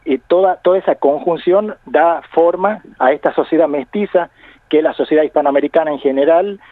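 An Argentine university professor appears as a radio guest, speaking with an Argentine Spanish accent in a reflective manner and laughing often. His voice is fairly high and fairly quick, and the dry recording comes through a phone line on the radio.

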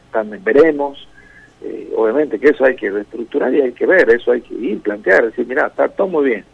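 Argentine man, husky and gravelly, minister on a tinny phone line, halting then emphatic. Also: mid-range voice, lively intonation, dry recording. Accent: Argentine Spanish. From Jujuy, Argentina. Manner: hesitant, repeats words, then emphatic listing. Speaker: provincial minister. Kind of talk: radio interview by phone.

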